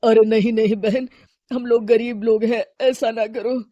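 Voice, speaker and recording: Brief: meek street vegetable seller, a man, voiced by a woman, slow and humble, dry sound. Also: on the high side, fairly even intonation, warm tone, dry recording, lo-fi sound. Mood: pleading.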